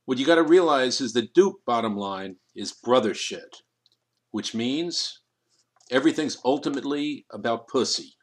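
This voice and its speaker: A male narrator puts on an aggressive music executive who talks crude and combative. The reading is an audiobook. The pitch stays in an ordinary middle range. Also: expressive, moderate pace, lightly acted.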